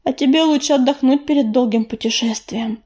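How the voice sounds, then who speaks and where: Gentle house-cat she-cat, read by a woman, high and mellow, soft and apologetic, audiobook. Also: a little fast, breathy edge.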